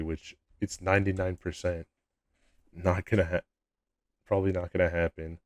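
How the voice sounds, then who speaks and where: A young man with a low, slightly mellow voice chats casually with his live-stream audience from a desk mic at home. He's laid-back and rambling, and the recording is dry.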